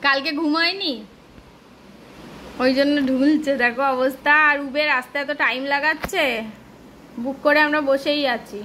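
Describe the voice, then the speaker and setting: Woman, young, Kolkata Bengali accent, very high soothing voice, casual home vlog, noisy recording. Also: steady tone, moderate pace, pauses often, bright, forceful tone. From Kolkata, West Bengal, India. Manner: coaxing, soothing, repetitive talk to her baby. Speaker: vlogger and mother. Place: family home.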